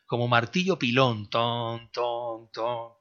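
A male pastor preaching a sermon emphatically, swinging between loud exhortation and hushed prayer. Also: mid-range voice, steady tone, takes it slowly. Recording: dull lo-fi sound.

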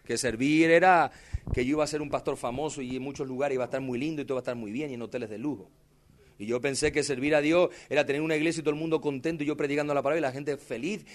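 A male pastor, preaching a sermon with impassioned, dramatic emphasis and addressing the congregation directly. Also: fairly high pitch. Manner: tells personal stories with dramatic emphasis.

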